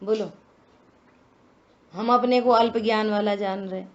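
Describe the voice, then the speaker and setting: A woman giving a religious scripture discourse, slow and deliberate, asking many rhetorical questions. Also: mid-range voice, steady tone, darkish tone, muffled recording. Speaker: scripture teacher.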